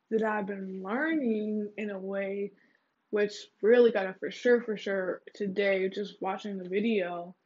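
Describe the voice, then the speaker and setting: A woman's voice: mid-range voice, darkish tone, husky. A woman talking candidly and casually to her listeners in slangy speech, recorded on earbuds in an echoing bathroom. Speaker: host. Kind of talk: casual confessional monologue to listeners. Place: small echoing bathroom, indoors. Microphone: earbud microphone. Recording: dull, lo-fi earbud mic in bathroom.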